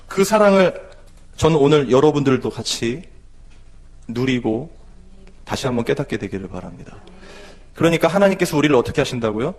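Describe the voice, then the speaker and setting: A man in his thirties preaching a testimony sermon in a church, emotional and building to pleading intensity. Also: medium pitch. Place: church sanctuary.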